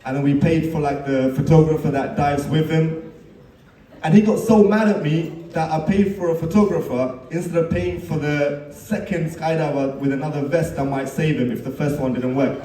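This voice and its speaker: A man's voice: a little high, moderate pace, dark tone. Joking best man in an echoey hall. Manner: teasing storyteller, laughs at his own jokes. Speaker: best man giving a wedding speech. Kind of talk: joking wedding speech. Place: wedding reception hall. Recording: echoey hall, mic at a distance.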